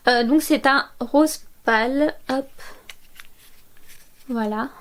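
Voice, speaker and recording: A young woman in her twenties talks through a makeup routine in a high, chatty voice. She fills her speech with little hesitations and praises products eagerly. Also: slow pace, fairly bright tone. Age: 20s. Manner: chatty, many fillers, enthusiastic about products. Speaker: beauty vlogger. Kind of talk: makeup tutorial narration.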